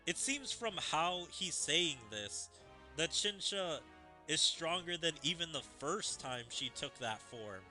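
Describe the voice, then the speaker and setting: Over game music, a streamer with a slightly high, expressive, sharp-toned voice offers casual, rambling commentary on a game's story at a slow pace. He also reads the dialogue aloud.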